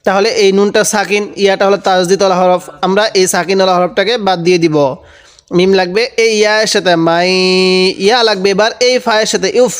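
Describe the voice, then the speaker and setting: A man teaching Quran reading, patiently spelling out each syllable and repeating words slowly, asking the viewer questions and answering them himself. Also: sits high, fairly even intonation, smooth, big-room sound. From Bangladesh. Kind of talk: step-by-step spelling lesson.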